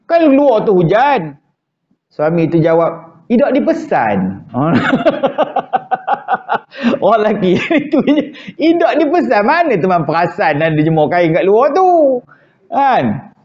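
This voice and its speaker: A man's voice: sits high, lo-fi sound. A Malaysian man teaching an evening mosque lecture in a joking, conversational way, often acting out quoted wives. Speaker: religious teacher. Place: prayer hall.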